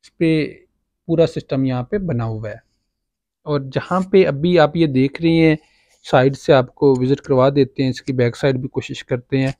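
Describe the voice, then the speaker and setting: Strolling a farm property outdoors, a property agent with a Pakistani Urdu accent gives a relaxed tour of the farmhouse, filling his speech with fillers as he points things out. His mid-range voice has a darkish tone and moderate pace, with no echo.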